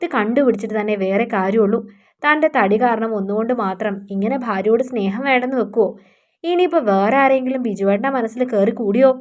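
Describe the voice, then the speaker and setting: A woman voicing a hurt young housewife who pleads and complains softly. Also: a little high, quick pace, lightly acted.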